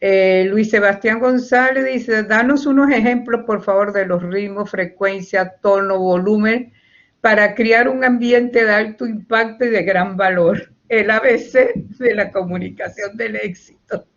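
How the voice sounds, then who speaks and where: A high-pitched man moderating an online talk, reading out audience questions. He takes his time over each word, and the sound is dull and muffled. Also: fairly even intonation, fairly bright tone. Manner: measured, reading aloud. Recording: dull lo-fi audio.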